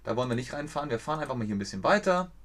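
Young man, casual streamer, thinks out loud, chats with viewers. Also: mid-range voice, animated, very fast. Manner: chatty, thinks aloud, reads viewer chat, stumbles over foreign names. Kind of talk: live-streamed geography game commentary.

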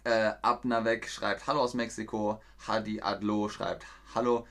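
On a live stream, a man teaches German by slowly reading a fairy tale aloud, explaining vocabulary and replying to viewers in the chat. His voice is on the low side, gravelly yet fairly bright, with little pitch movement and normal speed.

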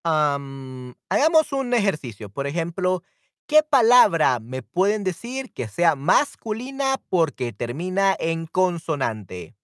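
A man's voice: a little high, very animated, fairly bright tone, clean tone, dry recording, clean studio sound. A man teaching a live online Spanish lesson, reacting to viewers' comments by name and repeating his explanations in English. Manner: slows down and stretches out example words.

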